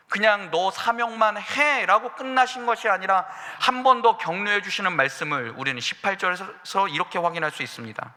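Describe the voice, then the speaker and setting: A man preaching a Sunday sermon as pastor, earnest, sometimes speaking God's words to his listeners in a gentle, direct way. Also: high-pitched. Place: church sanctuary. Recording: reverberant church sanctuary.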